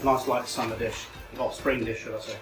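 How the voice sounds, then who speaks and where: Cooking at the stove in a small home kitchen, a middle-aged chef gives casual, plain-spoken step-by-step recipe instructions in a level, medium-pitched voice at normal speed. The rough recording is full of loud sizzling, frying and stirring, with music in the background.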